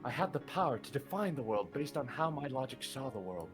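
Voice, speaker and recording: A man's voice: mid-range voice, sing-song, brisk, music in the background. A man co-hosting a let's play, casually reading game dialogue aloud and chatting.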